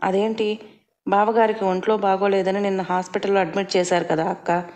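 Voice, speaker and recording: A gentle, caring mother speaks in a soft, reassuring tone, as a woman storyteller puts her on. Her voice stays level, with little rise or fall. She sounds affectionate and steady. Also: mid-range voice, a little fast, natural voice.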